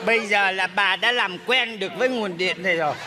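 A man's voice: high-pitched, a little fast, background noise. A man performing in a live stage comedy sketch, with exaggerated theatrical delivery. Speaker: comic actor playing a sorcerer.

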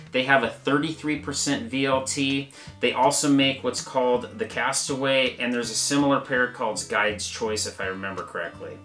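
A man's voice: mid-range voice, bright, forceful tone, roomy sound. A man hosting a fishing channel, explaining gear in a plain, practical, step-by-step way. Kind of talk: gear review talk to camera.

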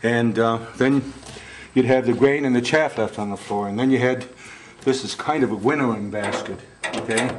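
In poor audio from a handheld camera mic, with a crowd audible behind him, an older man guides visitors through an old wooden barn and describes the farm tools. He's a museum guide with a medium-pitched voice and a moderate pace, and his talk is folksy and wandering, full of "you know" and "okay?".

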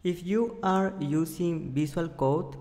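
Slow-talking man, echoey room. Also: a little high, dark tone. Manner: slow, halting step-by-step narration in simple phrases. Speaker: programming tutor. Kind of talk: screen-recorded coding tutorial. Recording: roomy echo with long reverb.

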